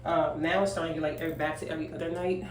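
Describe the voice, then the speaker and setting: Deep-voiced and rapid-fire, this young single mother of twenty-five chats casually on her vlog while grooming at home, with fairly even intonation. She rambles, full of fillers and emphatic asides. The recording has an echoey room, faint noise, and her voice off-mic.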